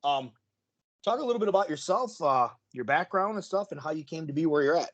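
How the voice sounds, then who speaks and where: A man hosting a podcast, chatting casually and interviewing his guest with many pauses and restarts. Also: on the high side, expressive, lo-fi sound. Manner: hesitant, many fillers. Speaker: podcast host.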